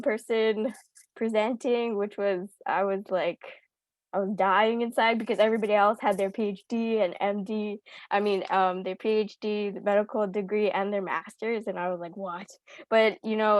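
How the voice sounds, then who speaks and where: A woman's voice: medium pitch, no room sound. A young woman in her twenties giving a casual slide presentation over a video call, hesitant and full of filler words and restarts. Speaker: student presenter.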